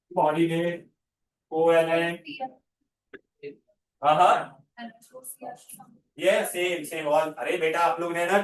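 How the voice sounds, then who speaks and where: A male chemistry teacher giving a classroom lecture, constantly coaxing students with questions and mixing in English terms. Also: fairly high pitch. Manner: mixes Hindi with English terms.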